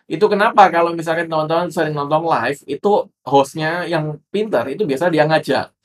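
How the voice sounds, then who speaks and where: A man's voice: on the high side, a little fast. Chatty Indonesian man teaching to camera. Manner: chatty, frequent fillers and tags like "ya" and "teman-teman". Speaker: digital marketing instructor. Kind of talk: casual tutorial to camera. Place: indoor room lit by ring light.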